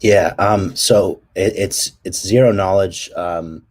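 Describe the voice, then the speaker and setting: A man presenting his company's standards work and answering questions, speaking haltingly with many fillers and restarts. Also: sits low, fairly even intonation, darkish tone. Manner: halting, many ums and restarts, coughs between phrases. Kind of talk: technical presentation and Q&A.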